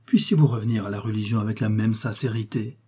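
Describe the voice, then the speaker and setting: Frail forgiving noblewoman, read by a man in a dark husky tone, pitched up, storybook reading. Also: steady tone, fast. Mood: pleading, tender. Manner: tender, raised pitch for a woman. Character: gentle dying noblewoman, pale and forgiving.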